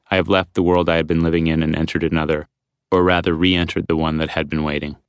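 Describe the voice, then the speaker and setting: A man reading a first-person memoir aloud as an audiobook narrator, in a measured, even storytelling manner. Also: deep voice, clear, resonant tone, no room sound, studio quality.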